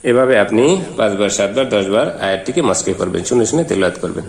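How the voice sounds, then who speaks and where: A man teaching Quran reading. He spells out letters and vowel marks one at a time, then chants each verse in slow, drawn-out syllables. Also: on the low side, lively intonation, echoey room. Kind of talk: step-by-step recitation lesson.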